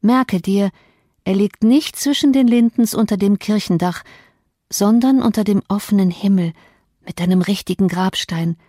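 A woman's voice: medium pitch, moderate pace, warm tone, no echo, studio quality, natural voice. A woman voicing a feverish, delirious young woman who speaks in a raised, exalted, pleading way. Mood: bitter.

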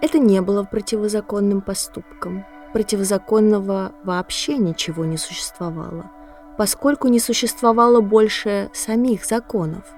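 A woman giving scripted narration, measured and grave, in an audio drama. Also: mid-range voice, darkish tone.

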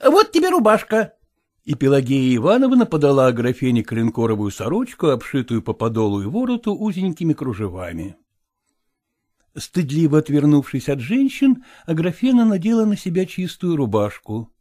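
A male narrator reads a classic story in a low, measured voice. His delivery stays steady between the lively character lines. Audiobook narration. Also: dry recording, clean studio sound.

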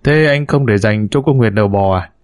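A man's voice: on the low side, fairly quick, no room sound, close to an everyday voice. A shrewd, suspicious village wife, as a male narrator puts her on. She speaks sharply and mockingly, doubting everything her husband says. It is a storybook reading with a dry, close sound.

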